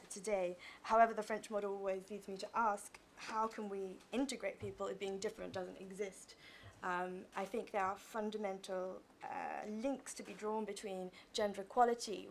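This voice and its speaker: A woman delivers prepared remarks on a conference panel. Her voice has a strong gravelly fry at a middling pitch, and she speaks in a measured way, pausing on fillers, while faint room ambience sits in the background. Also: slight background noise. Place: conference hall.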